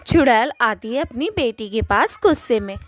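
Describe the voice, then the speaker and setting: A woman's voice: a little high, lively intonation, normal speed, slight background noise. Woman narrating a cartoon story. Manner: plain storytelling.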